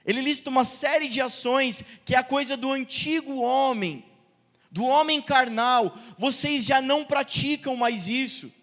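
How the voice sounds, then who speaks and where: Brazilian man, pastor, sermon in a church, high voice, long hall reverb, Brazilian Portuguese accent. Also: measured pace, a bit bright. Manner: reads scripture aloud, then preaches with rhetorical questions. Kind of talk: sermon with scripture reading. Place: church sanctuary.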